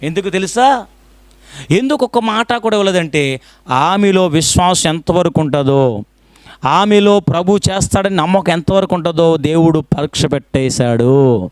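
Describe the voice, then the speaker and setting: A man preaching a fervent sermon as a pastor, firing off rhetorical questions and swinging between loud pleading and hushed low lines. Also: animated, moderate pace, clear, resonant tone, no room sound.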